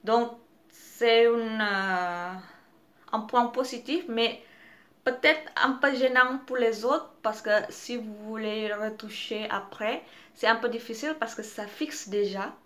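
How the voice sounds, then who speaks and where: A young woman, French not her first language, talks slowly through a casual makeup review. She hesitates often, stopping on fillers and restarting her phrases. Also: a little high, fairly bright tone. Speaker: beauty vlogger.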